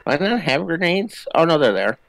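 A fairly high, sing-song male voice with vocal fry and a slightly bright tone, recorded dry, speaks at a normal pace. He jokes around while playing a co-op video game, with game gunfire and ambience running beneath his voice.

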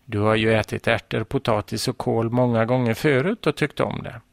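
Guy reading, stern storybook mom, higher and louder than his own gravelly voice, dry sound. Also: no echo, lightly acted. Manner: scolding, coaxing, then amused. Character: stern but fond mother of a small girl.

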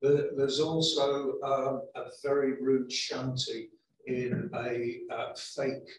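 Audience man, slow and amused, distant mic, heavy echo. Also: mid-range voice, level tone, a little hiss or hum. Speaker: audience member. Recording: distant, very echoey audio.

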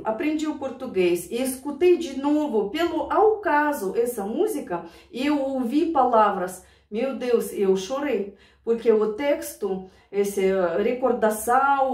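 A Siberian woman with a Russian accent, a vlogger who reacts to songs, reminisces casually about old memories, getting emotional, laughing often and speaking fondly to her viewers. Her voice is fairly high and a little mellow, caught from a distance in a roomy space.

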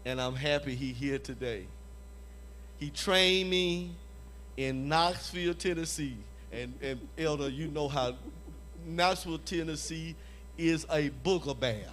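A man preaches at a church training conference in a notably high voice. He speaks emphatically, repeats his points and keeps asking the crowd for an amen. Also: measured pace, a bit bright, a little hiss or hum. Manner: emphatic, repeats phrases, calls for "Amen?" from the audience. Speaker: conference evangelism leader. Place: church hall before a live audience.

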